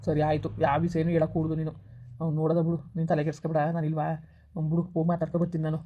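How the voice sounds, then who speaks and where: A woman's voice: deep voice, completely flat delivery, lo-fi sound, slight background noise, close to an everyday voice. A woman playing a young man who scolds and comforts a crying friend like an older brother in a village comedy skit. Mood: soothing. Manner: scolding yet reassuring, fast and blunt.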